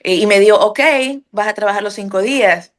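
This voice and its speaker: A woman's voice: mid-range voice, flat delivery, brisk. Chatty woman with frequent fillers. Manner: frequent "eh" fillers and "¿verdad?" tags; acts out remembered dialogue. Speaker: interviewee sharing a testimonial. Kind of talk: casual conversational testimony.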